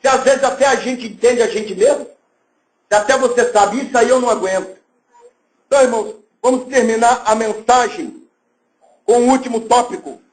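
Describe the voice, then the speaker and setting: Male Brazilian pastor, high lively voice, roomy church sound. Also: moderate pace. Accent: Brazilian Portuguese. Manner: lively preaching, acts out little scenes and voices. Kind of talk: sermon.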